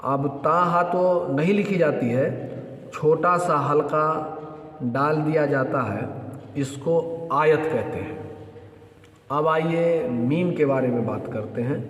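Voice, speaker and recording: A man giving a religious lesson, explaining each point slowly and deliberately. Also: on the high side, fairly bright tone. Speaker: religious teacher. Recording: echoey hall with long reverb.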